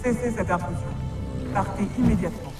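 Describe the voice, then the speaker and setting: A stern mechanical guardian golem, voiced by a man, issues cold, clipped security warnings in a raised, machine-like tone. It sounds distant and echoey, as if booming through a large chamber. Loud game music plays behind it. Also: fairly quick, natural voice. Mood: stern, robotic.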